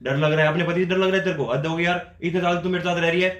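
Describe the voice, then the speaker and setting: A man pranking his wife at home, bickering in a gruff, stubborn way. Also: a little high, steady tone, rapid-fire, a bit bright, roomy sound. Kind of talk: staged prank banter. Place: bedroom at home.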